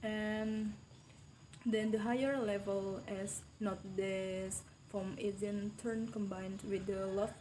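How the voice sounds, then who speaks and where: Flat, mellow-voiced student woman. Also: medium pitch, slow, a little hiss or hum, low-quality recording. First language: Indonesian. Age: young adult. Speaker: student presenter. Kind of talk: class video presentation.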